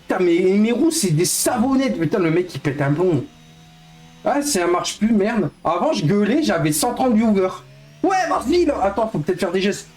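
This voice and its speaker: A man in his thirties streaming a racing game live, excitable and swearing, mocking himself playfully. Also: high voice, normal speed, reverberant. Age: 30s. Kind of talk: casual live-stream gaming chat.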